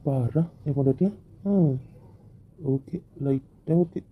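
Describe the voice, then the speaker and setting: A man voicing the husband in an amateur romantic audio drama, often pleading softly. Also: medium pitch, slow, husky. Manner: pleading, soft-spoken apologies. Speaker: audio drama narrator and lead voice. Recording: tinny phone-like audio.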